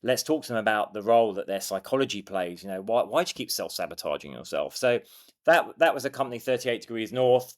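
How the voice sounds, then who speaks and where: A man's voice: fairly low pitch, lively intonation, fast. A middle-aged man, a coach, talks as a podcast guest, telling his story in an informal, explanatory way. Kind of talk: casual interview storytelling.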